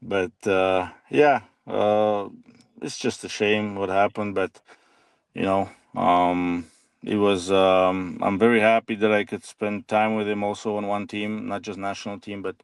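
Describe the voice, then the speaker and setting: A man, a former hockey player reminiscing in a halting, soft-spoken way as an interview guest. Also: lowish voice, fairly even intonation, creaky, smooth, no room sound. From Slovakia.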